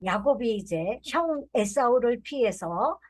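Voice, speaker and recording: Fairly high woman preaching with animated stories. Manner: animated storytelling, acts out quoted lines; drawn-out emphatic refrains. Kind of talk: sermon with folksy anecdotes.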